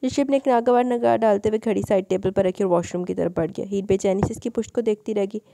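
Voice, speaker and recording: Female audiobook narrator, steady storytelling, gravelly tone, dry booth sound. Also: medium pitch, fast, no room sound. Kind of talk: scripted narration.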